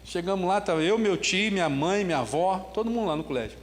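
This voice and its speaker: High-voiced man preaching in a reverberant hall. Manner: storytelling with laughter, animated; ends with a slow spoken prayer. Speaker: pastor. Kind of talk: sermon.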